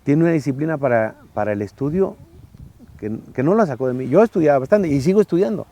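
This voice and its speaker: A man's voice: fairly high pitch, expressive, fast talker, mellow. A Mexican man in his sixties with a Mexican accent, telling colloquial anecdotes in an interview with frequent tag questions. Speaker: interviewee, architect and former faculty director. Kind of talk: casual interview storytelling.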